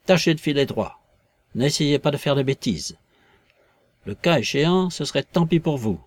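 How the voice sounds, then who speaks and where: A man's voice: fairly high pitch, expressive, normal speed, no echo, pitched above the performer's own voice. A man voicing a harsh, domineering invisible man. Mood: commanding. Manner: commanding, threatening, contemptuous.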